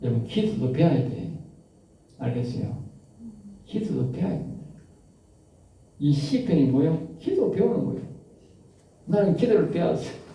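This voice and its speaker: A man pastor giving an emphatic sermon-style lecture, repeating his phrases and prodding listeners with quick questions, his pitch and loudness swinging dramatically. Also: animated, distant mic. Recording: roomy echo, voice off-mic.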